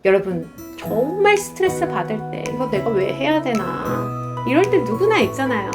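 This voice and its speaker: A woman's voice: fairly high pitch, moderate pace, over loud music. A middle-aged woman lecturer giving a motivational talk to camera, acting out the voices of the people she quotes. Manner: animated, acts out quoted voices.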